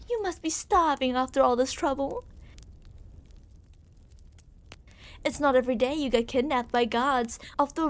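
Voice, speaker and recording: A woman takes on the part of a smug, menacing yandere royal captor for ASMR roleplay, her voice sitting high. Theatrical and condescending, she speaks with mock affection and a mock-hospitable mood.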